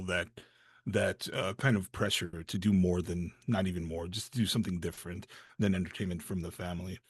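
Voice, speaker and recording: A man's voice: fairly low pitch, no room sound, studio quality. A man, a voice actor, answering interview questions in a thoughtful, hesitant way. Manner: thoughtful, hesitant, many fillers. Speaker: voice actor guest.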